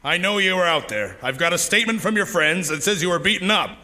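An actor playing a stern, paternal, hard-bitten police lieutenant who interrogates persuasively. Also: male voice, high voice, lively intonation, fast, pushed and bright, exaggerated voice. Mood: coaxing, stern. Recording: reverberant hall.

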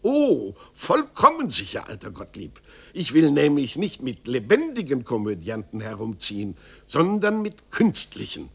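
A man voicing a hot-tempered old male puppet maker who bursts out in shrill, quarrelsome shouts, as a radio story reading. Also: huge pitch swings, a little slow, vocal fry, slightly rough, heavily acted. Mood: scheming.

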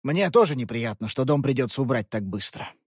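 A weary middle-aged father from a children's storybook, speaking low and subdued with an apologetic heaviness, as a woman narrator puts him on. His pitch still rises and falls a lot, with a breathy edge. Dry, close sound with faint music underneath. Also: sing-song, moderate pace, dry recording. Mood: reluctant. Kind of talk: audiobook character voice.

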